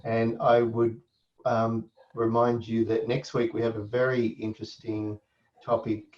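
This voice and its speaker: A man hosting a video call, giving halting closing remarks with many restarts. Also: medium pitch, monotone. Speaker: event host. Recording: dull lo-fi call audio.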